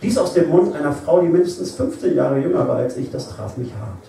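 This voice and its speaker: A middle-aged man reading his own prose aloud in a wry, deadpan way, at a live reading in an echoey venue. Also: a little high, a little fast, vocal fry, distant mic. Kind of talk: live literary reading, first-person narration.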